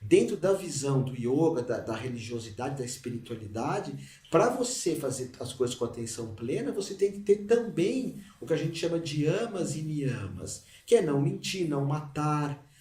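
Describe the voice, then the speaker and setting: A man's voice: a little high, big pitch swings, normal speed, mellow. A man who teaches meditation in an informal, conversational way and sometimes chants single syllables. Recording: roomy, mic at a distance.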